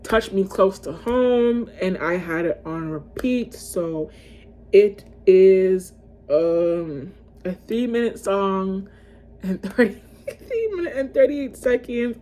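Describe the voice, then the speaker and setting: A woman's voice: mid-range voice, darkish tone. A woman vlogging casually to camera, ranking music in a chatty, emotional way and calling her viewers y'all.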